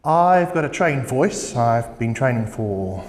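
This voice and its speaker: A man's voice: medium pitch, animated, takes it slowly. A male opera singer answering questions as a guest on a comedy cooking show, with dry, amused replies. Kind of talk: casual interview banter. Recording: echoey hall with music.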